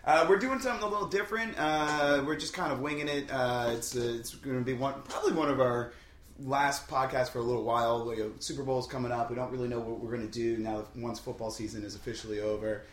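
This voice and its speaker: A man's voice: medium pitch, fairly even intonation, fast talker, fairly bright tone, slight background noise. Man hosting in an echoey room. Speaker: podcast host. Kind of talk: casual group chat. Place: living room at home. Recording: echoey living room, away from mic.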